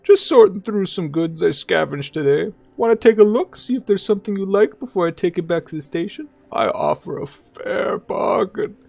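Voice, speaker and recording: Man acting out an old male game scavenger, high voice, gravelly, amiable, folksy old-timer chatter. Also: animated, normal speed, few pauses, darkish tone, exaggerated voice. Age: older. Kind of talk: video game dialogue read in character.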